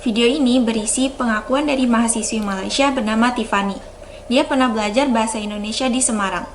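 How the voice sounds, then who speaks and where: A woman's voice: a little high, steady tone, fast talker, slight background noise. A woman narrating a video, upbeat and addressing the viewers directly. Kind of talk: scripted narration.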